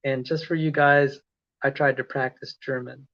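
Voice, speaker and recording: A man's voice: mid-range voice, flat delivery, normal speed. A man from the Philippines with an American accent, talking casually and rambling as an online lecturer on a livestream. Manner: rambling, self-correcting, chatty. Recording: dull lo-fi stream audio.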